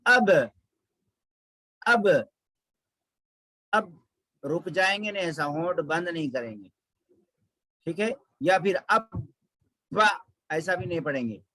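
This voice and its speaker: A man's voice: a little high, animated, normal speed, fairly bright tone, dry recording, rough recording. A man teaching Quran recitation, patiently repeating syllables to show each sound. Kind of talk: slow tajweed lesson with drilled examples.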